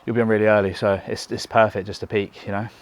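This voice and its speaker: A young man coaching and hosting a casual vlog, chatty and relaxed with frequent fillers. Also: lowish voice, quick pace. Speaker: bodybuilding coach and channel host.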